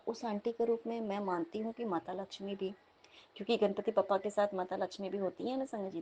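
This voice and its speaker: A young woman, telling of a dream as devotional testimony in a lively storytelling manner, often turning to her listeners. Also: medium pitch, a little hiss or hum. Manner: animated storytelling, repeatedly addressing listeners. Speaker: devotee sharing a dream at satsang.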